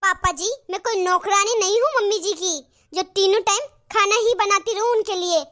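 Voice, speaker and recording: A spoiled young daughter-in-law in a cartoon, defiant and sulky, as a woman voices her. Her voice is very high and bright, with a sharp, complaining edge. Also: normal speed. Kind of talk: cartoon voice acting.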